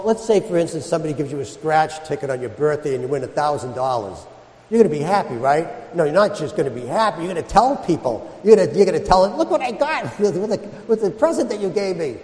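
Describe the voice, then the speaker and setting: A man's voice: fairly high pitch, a little mellow. A man speaking as a priest at a church service, his voice ringing with cathedral-like echo. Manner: addresses listeners with questions and everyday examples. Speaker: priest reading the Gospel and preaching. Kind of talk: liturgical Gospel reading and homily. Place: large reverberant church, indoors. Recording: echoey church with long cathedral-like reverb.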